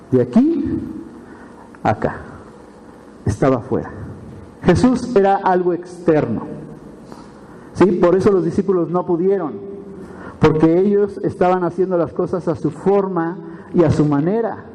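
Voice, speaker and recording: Pastor preaching in a reverberant church. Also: male voice, high-pitched. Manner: animated storytelling with frequent tag questions. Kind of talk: sermon. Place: church hall.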